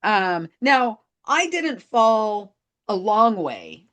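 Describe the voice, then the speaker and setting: A woman's voice: mid-range voice, very animated, drawn-out words, fairly bright tone. A middle-aged woman co-hosting a podcast, telling a story in casual chat and laughing at herself. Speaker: podcast co-host.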